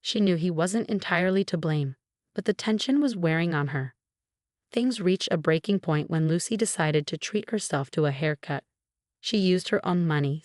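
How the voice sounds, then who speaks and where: A woman reading a family drama story aloud in an even, measured way. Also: deep voice, dry recording, clean studio sound. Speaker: story narrator. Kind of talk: scripted narration.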